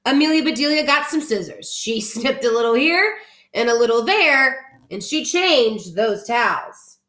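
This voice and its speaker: A woman speaking as an elementary teacher, expressive and encouraging, in simple words for children and their families. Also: fairly high pitch, a little slow. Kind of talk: children's read-aloud with casual talk to families.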